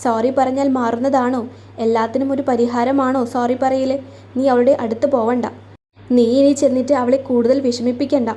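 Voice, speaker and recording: Woman voicing a loyal, sharp-tongued young friend. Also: high-pitched, level tone, moderate pace, natural voice. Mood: reproachful.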